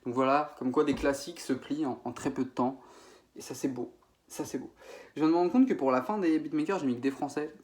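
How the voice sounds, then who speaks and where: Briskly, with a medium-pitched, darkish voice, a young French guy rattles off a casual spoken ranking of his favorite rap producers. His informal, slangy French is rambling and peppered with fillers and self-corrections.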